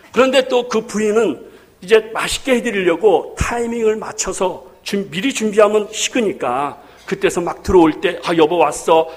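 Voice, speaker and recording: High-voiced man preaching with lively humor. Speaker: pastor. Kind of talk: sermon.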